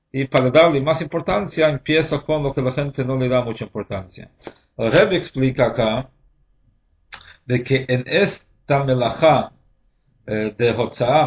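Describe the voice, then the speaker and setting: A man gives a religious class as a rabbi, talking it through steadily and stopping now and then with a hesitant "eh". His voice sits at an ordinary middle pitch. The recording sounds dull and muffled. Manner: measured, pauses often with "eh" while explaining. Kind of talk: explanatory religious lesson.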